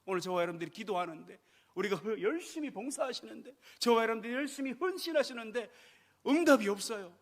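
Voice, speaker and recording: A male pastor delivers a sermon in a high-pitched voice. He poses rhetorical questions to the congregation. He drops to near hushes and then rises sharply in volume. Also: animated, fast. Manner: rhetorical questions with dramatic swings between hushed and loud.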